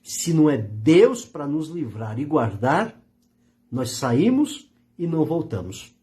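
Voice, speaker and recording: A man, a pastor preaching a sermon in an earnest style, with swells of emphasis and slow, deliberate pauses. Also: a little high, big pitch swings, mellow.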